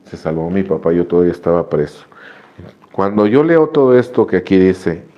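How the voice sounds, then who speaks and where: A man's voice: low voice, a little fast, dull audio. A man giving an earnest personal testimony to a recovery group, telling his story with many repetitions and restarts. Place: radio broadcast.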